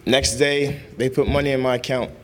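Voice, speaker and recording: Young man, student veteran, ceremony speech, sincere, halting, many fillers. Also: medium pitch, fairly even intonation, a bit bright, slight background noise.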